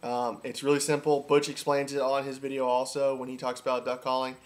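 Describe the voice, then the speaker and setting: A man's medium-pitched voice comes across monotone and brisk as he teaches duck calling. Even so, his casual, repetitive how-to talk shows he loves the subject.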